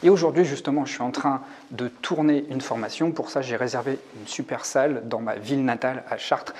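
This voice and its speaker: A man's voice: mid-range voice, fairly even intonation, fairly quick, darkish tone, husky. Forties male coach, musing and hesitant delivery straight to camera. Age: 40s. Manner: reflective, thinking aloud with frequent hesitations. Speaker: YouTube coach on hypersensitivity. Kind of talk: casual talk to camera. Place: rented room.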